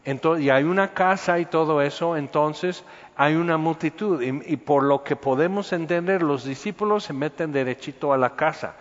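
A man's voice: fairly high pitch, normal speed, in a large hall, muffled recording. A man giving an informal, conversational Bible teaching with humor. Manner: conversational, acts out voices with humor. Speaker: preacher.

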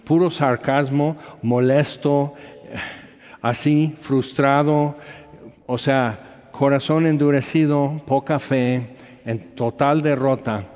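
A man, an evangelist telling his personal testimony in a rambling, animated way with many fillers. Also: medium pitch, takes it slowly. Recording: lo-fi with long hall reverb.

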